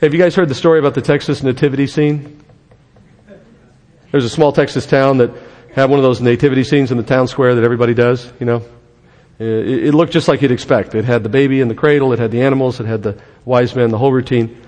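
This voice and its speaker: Pastor preaching in an echoing hall. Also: male voice, mid-range voice, fairly even intonation, fast, darkish tone. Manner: earnest, conversational preaching with prayer. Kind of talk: sermon.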